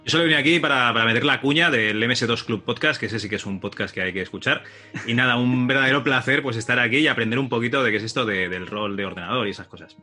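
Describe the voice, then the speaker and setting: A man's voice: medium pitch, fast, pushed and bright, soft background music. A man, a guest from another podcast, chatting in a breezy, joking way. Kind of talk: casual podcast chat.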